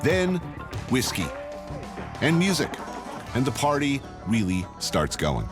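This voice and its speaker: A man's voice: medium pitch, huge pitch swings, takes it slowly. A man narrating a travel documentary as a scripted voice-over, with a dry, wry delivery. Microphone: studio voice-over. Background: guitar music.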